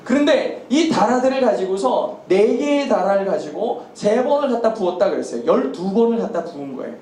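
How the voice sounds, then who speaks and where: A male pastor preaching a sermon, retelling a story with lively rhetorical questions and frequent chuckles. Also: high-pitched, brisk, reverberant. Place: church sanctuary.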